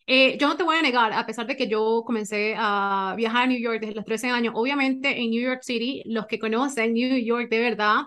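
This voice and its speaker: A woman from Ecuador with an Ecuadorian Spanish accent, a guest in an interview, talking warmly with many "eh" fillers. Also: fairly high pitch, normal speed, few pauses. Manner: warm, heavy filler "eh". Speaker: interview guest, army officer. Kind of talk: casual interview chat.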